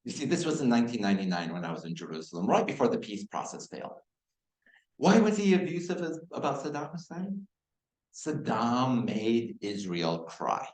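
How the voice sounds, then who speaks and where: A man from Iraq giving a university lecture, posing rhetorical questions to his audience. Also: a little high. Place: lecture hall. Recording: echoey lecture hall.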